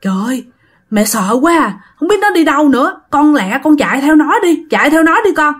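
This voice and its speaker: A woman's voice: fairly high pitch, moderate pace, natural voice. A woman playing an anxious Southern Vietnamese mother. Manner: anxious urging. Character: frightened middle-aged mother, pleading.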